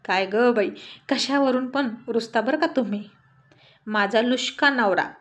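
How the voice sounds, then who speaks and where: A woman's voice: a little high, unhurried, lightly acted. A woman voicing a tired, fond young wife. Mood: fond scolding. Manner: laughing, fondly scolding.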